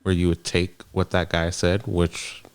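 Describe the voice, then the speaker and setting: A man's voice: deep voice, little pitch movement, measured pace, clean tone. A man in casual podcast chat giving blunt opinions.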